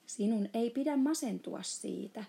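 A woman's voice: fairly high pitch, animated, gravelly, dark tone, pitched above the performer's own voice. A woman voicing a curious, earnest little girl in a storybook reading. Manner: questioning, earnest.

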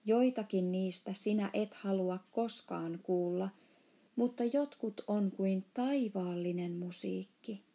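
A woman's voice: medium pitch, gravelly, warm tone, close to an everyday voice. A woman voicing a big, kind male giant who speaks in broken grammar and made-up words, read aloud from a storybook.

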